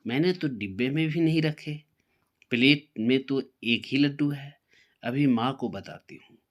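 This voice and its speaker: A man voicing a gentle, dutiful young daughter-in-law in a spoken story, talking politely and earnestly. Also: medium pitch, a little slow, lo-fi sound, pitched above the performer's own voice, lightly acted.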